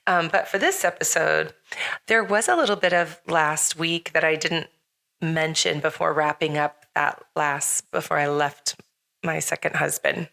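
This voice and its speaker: A middle-aged woman hosts a casual podcast, rambling at an unhurried pace with plenty of fillers and frequent laughter. Her voice is low, bright and forceful, with a slightly hoarse rasp.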